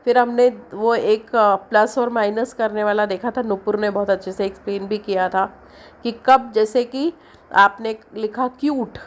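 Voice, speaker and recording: A woman teaching an English syllabus lesson in Hindi, explaining slowly and stretching out the example words. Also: mid-range voice, fairly even intonation.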